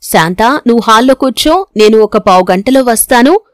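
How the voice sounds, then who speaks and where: A storybook father, brisk and placating, put on by a woman narrator. The voice sits fairly high. The recording is close and dry. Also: lively intonation, no room sound, natural voice. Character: widowed father, hurried and uneasy.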